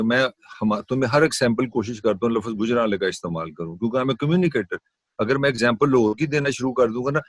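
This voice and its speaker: A middle-aged man with a Punjabi-accented Urdu, giving an animated classroom lecture and slipping English phrases into his talk. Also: lowish voice, no room sound. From Pakistan. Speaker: university lecturer.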